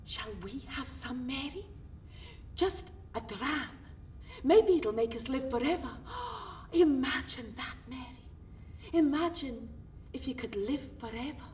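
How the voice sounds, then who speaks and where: A woman's voice: high-pitched, animated, a little slow, darkish tone, a little hiss or hum. A woman doing a coaxing Scottish girl. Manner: coaxing, confiding. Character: young Scottish girl, worldly, wistful, mischievous. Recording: roomy stage sound from afar.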